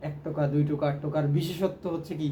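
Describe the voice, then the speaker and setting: During a ukulele lesson, a man with a fairly high voice and little pitch movement talks rapid-fire, explaining strumming while counting strums and chanting rhythm syllables as he plays. Loud plucked strings run beneath his speech, with slight background noise.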